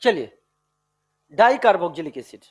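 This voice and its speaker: A man's voice: high voice, very animated, normal speed, breathy edge. A male chemistry teacher lecturing a class, quizzing students with repeated questions and stretching out key words, addressing them affectionately as dear children.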